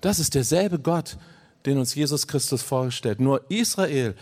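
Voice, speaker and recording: A man preaching a sermon, dropping to low hushed phrases and rising to emphatic ones, speaking to listeners directly as friends. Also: expressive, unhurried.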